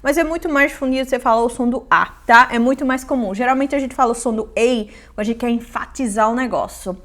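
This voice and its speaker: High-voiced woman teaching English. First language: Portuguese. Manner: lively, repeats example words slowly. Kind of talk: casual online lesson.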